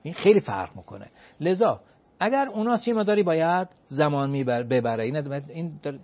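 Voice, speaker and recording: A man explaining advice as an expert guest, his voice sitting a little high for a man. He talks emphatically, poses rhetorical questions and answers them himself, and lists his points in order. The recording sounds dull and lo-fi. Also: sing-song. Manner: counts off points one by one.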